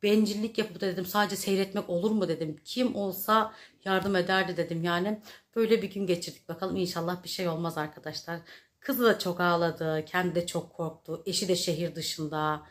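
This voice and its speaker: A woman's voice: on the low side, fairly even intonation, brisk. A woman in her thirties chatting to her viewers, retelling a day's events in a casual storytelling vlog. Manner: chatty, addresses viewers directly. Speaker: vlogger.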